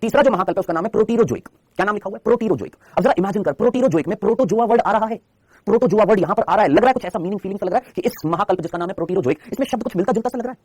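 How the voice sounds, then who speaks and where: Fast, lively Hindi-speaking male teacher. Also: high-pitched, dry recording. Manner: quizzing students with constant rhetorical questions. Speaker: online biology teacher. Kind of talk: live online class lecture.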